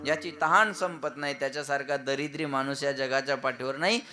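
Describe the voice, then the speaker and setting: A man preaching a devotional kirtan sermon. He keeps asking the audience to answer him back and slows down to chant verses. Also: medium pitch, fairly even intonation, over music.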